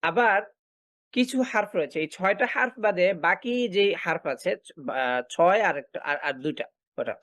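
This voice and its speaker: A man's voice: high-pitched, very animated, normal speed, a bit bright, no echo. Patient male teacher, dry close sound. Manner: explains step by step, asks and answers own questions; frequent filler sounds while thinking. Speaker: Quran recitation teacher. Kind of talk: online class lecture.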